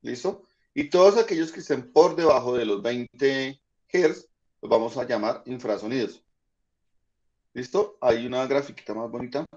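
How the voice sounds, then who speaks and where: Patient teacher, lo-fi call audio. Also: male voice, medium pitch, moderate pace, darkish tone. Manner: patient, checks in often with "¿listo?". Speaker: high school physics teacher. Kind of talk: online class lecture.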